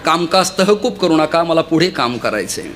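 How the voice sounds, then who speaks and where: A man's voice: on the high side, normal speed, slight background noise. A man preaching a kirtan sermon, telling stories and repeatedly urging the audience to listen. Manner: lively storytelling, often urging listeners to listen.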